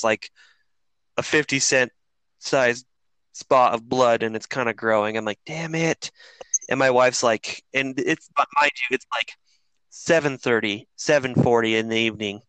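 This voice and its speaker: A middle-aged man with a bright, clear voice rambles through a story, cursing freely and piling on fillers. The sound is dry and close to the mic. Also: mid-range voice, no echo, rough recording. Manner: profane, rambling, animated storyteller. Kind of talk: casual storytelling chat.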